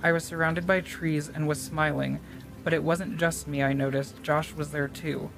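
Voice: mid-range voice, little pitch movement, vocal fry, over music, rough recording. A podcast co-host reading a creepy story aloud, then chatting casually and laughing often. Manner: laughs often, drawn-out emphasis.

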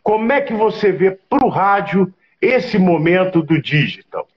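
A man hosting a casual interview, an animated storyteller who swears freely. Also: high voice, measured pace. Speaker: podcast host. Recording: dull lo-fi sound.

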